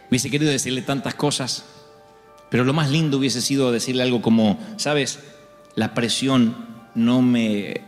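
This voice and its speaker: A man preaching a sermon, telling a personal story earnestly. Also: mid-range voice. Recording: long hall reverb, faint music.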